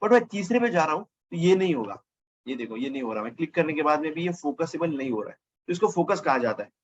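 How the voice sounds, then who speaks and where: A man's voice: fairly high pitch, sing-song, quick pace, lo-fi sound. A man teaching a casual coding lesson over his screen, thinking aloud and correcting himself as he goes. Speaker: programming teacher.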